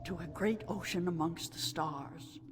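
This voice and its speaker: A woman playing a sweet, gentle old female storyteller of a non-human tribe in a video game, speaking in a measured way. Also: lowish voice. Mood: wistful, reverent. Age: older. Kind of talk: scripted video game dialogue. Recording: echoing hall reverb, clear background noise.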